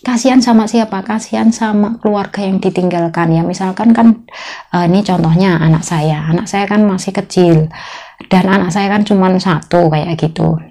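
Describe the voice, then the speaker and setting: A woman in her thirties with a Javanese accent, a migrant domestic worker telling her own story to viewers in a chatty, expressive way with frequent exclamations. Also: medium pitch, moderate pace. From Indonesia. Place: employer's home, indoors.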